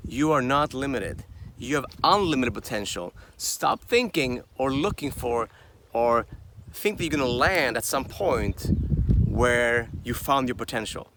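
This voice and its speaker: A man's voice: mid-range voice, animated, unhurried, noisy background. A man giving a motivational talk while walking outdoors on a hill, earnest and repetitive, ending his points with "right?". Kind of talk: motivational walk-and-talk monologue. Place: outdoors on a steep hill walk.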